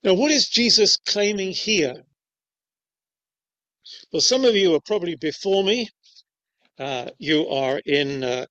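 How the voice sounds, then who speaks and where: A man preaching a sermon in a measured, deliberate way with pauses. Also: sits high, a bit bright. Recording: dull lo-fi recording.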